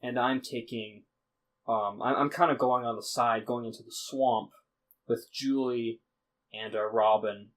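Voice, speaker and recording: A young man tells a tabletop adventure in a loose, rambling way for a podcast. He swears freely and often restarts his sentences, and he slips into quick snatches of the characters' voices as he goes. His pitch sits in an ordinary middle range. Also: fairly even intonation, low-quality recording. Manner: acts out characters' lines in snippets. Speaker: podcast host recapping a tabletop game. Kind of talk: casual storytelling recap.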